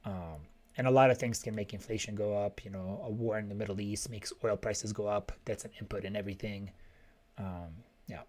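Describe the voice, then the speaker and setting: On a livestream, a male macroeconomist answers viewer questions in casual financial commentary that is blunt and opinionated, thinking aloud in short fragments. His voice is lowish and somewhat dark, with fairly even intonation and a fairly quick pace.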